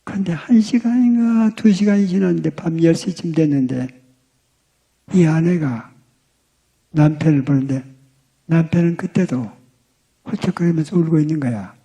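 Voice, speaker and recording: An older man preaching a sermon, telling a story dramatically and acting out the couple's lines, swinging between loud and hushed. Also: fairly high pitch, moderate pace, pauses often. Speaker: pastor.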